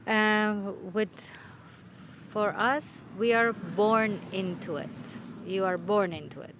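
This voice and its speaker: Lady, real slow, searching for words, noisy outdoor recording. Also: mid-range voice. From Brazil. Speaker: shaman. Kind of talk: halting interview answers in English. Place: outdoors at a fire-ritual site.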